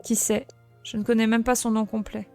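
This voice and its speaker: A woman reading the lines of an earnest young male rat guard in a video game, in a plain, soft-spoken way. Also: a little high, level tone, normal speed, faint music behind, lightly acted.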